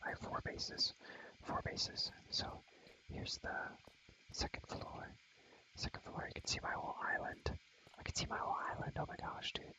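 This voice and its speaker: A young man gives a breathy ASMR whisper as he tours a game world, chatting loosely in slang and murmuring his phrases again. He speaks at normal speed, and the audio is poor.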